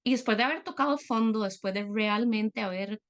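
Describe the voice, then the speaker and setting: With a fairly high pitch, a middle-aged Latin American woman shares a personal, reflective talk as a guest speaker. She comes across as earnest and often pauses on fillers.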